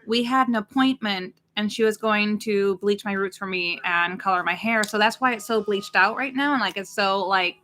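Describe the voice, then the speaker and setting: Chatty bright-voiced woman in her late thirties. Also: mid-range voice, moderate pace, few pauses. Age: late 30s. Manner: chatty and rambling, reads out viewer names. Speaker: co-host of a horror watch-party stream. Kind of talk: casual livestream chat.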